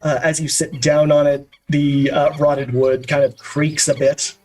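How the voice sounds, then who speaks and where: A man's voice: fairly high pitch, flat delivery, unhurried, darkish tone, poor audio. A man narrating scenes as a tabletop game master, descriptive and full of hesitant uhs. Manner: descriptive, with frequent uhs and restarts.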